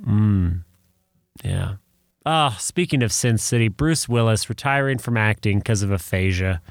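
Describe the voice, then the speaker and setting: A man's voice: on the low side, animated, unhurried, no room sound, clean studio sound. A man co-hosting a comedy podcast, rambling and laughing often as he banters. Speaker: podcast co-host.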